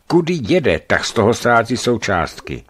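A man voicing a lively, emphatic woman who runs a hotel, in a radio book reading. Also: medium pitch, slightly rough, voice pushed up. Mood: dramatic. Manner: dramatic, emphatic storytelling. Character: lively hotel directress, middle-aged woman, dramatic gossip.

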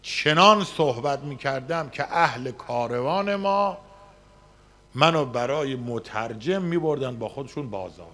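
A male cleric telling a personal story in a sermon, with dramatic shifts between soft passages and loud emphasis. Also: mid-range voice, animated. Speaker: cleric preaching. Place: religious community hall.

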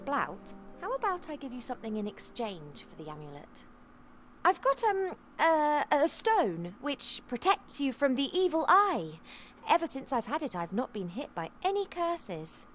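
A woman voicing a young, plucky, polite elf princess in a video game, expressive and articulate. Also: high-pitched, a little slow, soft background music. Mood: coaxing. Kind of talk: video game character acting.

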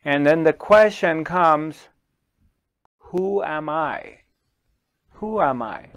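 A middle-aged man, a spiritual teacher, speaking slowly to the camera with long pauses and repeated questions, on a lapel mic in a small studio. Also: fairly high pitch, lively intonation, no room sound. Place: small dark studio, indoors.

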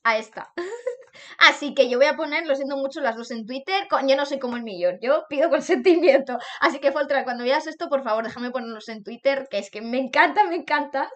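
A young Spanish woman with a high, bright-sounding voice chats live with her stream audience. She sounds bubbly, repeats herself, laughs often and slips into sing-song bursts. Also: animated, fairly quick. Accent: Spanish, from Spain. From Spain. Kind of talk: live stream chat, reacting to fan art.

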